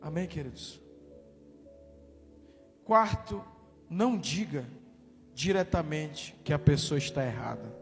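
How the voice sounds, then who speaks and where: Brazilian male pastor, high and loud, emphatic sermon, long church-hall reverb. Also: lively intonation, takes it slowly, gravelly, pauses often. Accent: Brazilian Portuguese. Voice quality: naturally loud voice. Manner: loud, emphatic preaching, calls out to the congregation. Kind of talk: sermon with declared prayer. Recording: reverberant hall with faint music.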